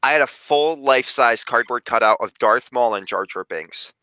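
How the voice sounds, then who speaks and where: A young man hosting a casual podcast, chatty and quick with asides, talking about his hobbies. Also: medium pitch, pushed and bright, clean tone, no echo, poor audio. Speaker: podcast host.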